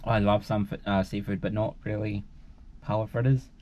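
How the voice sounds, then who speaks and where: A man's voice: lowish voice, flat delivery, normal speed, a little mellow. A man, chatting casually and rambling to camera inside a car. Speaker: vlogger. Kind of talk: casual chat to camera, food taste test. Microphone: camera at arm's length. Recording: dull, noisy in-car camera audio.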